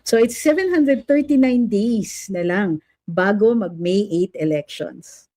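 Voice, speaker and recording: A woman's voice: medium pitch, slow, dark tone. A woman with a Filipino accent hosting a casual livestream, reading viewer comments aloud and chatting between Filipino and English. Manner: switches between Filipino and English, coos at her dog. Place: home room with a fan.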